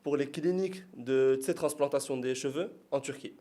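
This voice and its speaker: Male speaker, mid pitch, self-conscious and rambling, casual podcast chat. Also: moderate pace, warm tone. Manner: hesitant, rambling, self-conscious, laughs at himself. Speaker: podcast guest and business partner.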